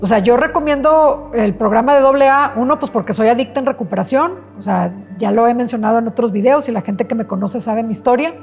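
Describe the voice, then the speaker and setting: Female psychologist, gravelly fry, unhurried advice-giving. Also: a little high, soft background music. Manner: calm, unhurried advice with frequent self-corrections. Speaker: psychologist and therapist. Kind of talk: self-help talk to camera.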